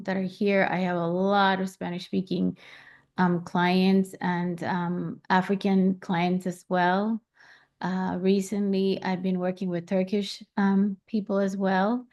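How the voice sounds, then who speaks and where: A middle-aged woman from Puerto Rico introducing herself as a realtor on a webinar, relaxed and full of ums. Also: mid-range voice.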